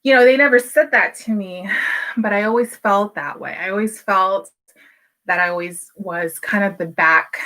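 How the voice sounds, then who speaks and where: A woman's voice: mid-range voice, sharp tone. A woman in her thirties from Hawaii, a business coach talking candidly to camera in a casual, motivational way, with many fillers. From Hawaii, United States. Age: 30s. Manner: candid and personal, with frequent fillers.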